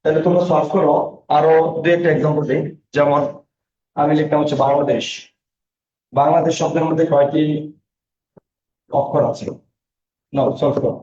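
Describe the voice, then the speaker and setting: A man leads an online Bangla lecture, naming students, reading out answers, and pressing them with the same questions again. He speaks at normal speed with long pauses, in a fairly high, steady, darkish voice. The recording is lo-fi, dull, distant, and echoey.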